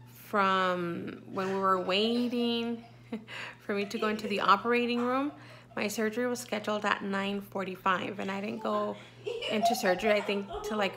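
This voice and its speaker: A woman's voice: medium pitch, a bit bright. A young woman vlogger talking casually to camera in a hospital, rambling with lots of fillers. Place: hospital room.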